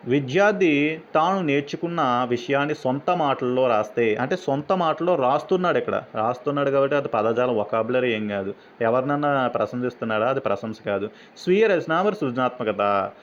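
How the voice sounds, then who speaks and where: Man explaining exam questions. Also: medium pitch. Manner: explains step by step, asks and answers his own questions. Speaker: teacher. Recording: slightly dull, faint background noise.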